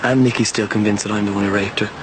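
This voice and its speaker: A man's voice: lowish voice, fairly even intonation, very fast, background noise, lightly acted. An actor playing a weary, wrongly accused young man from Ireland in a soap opera, self-pitying and restless.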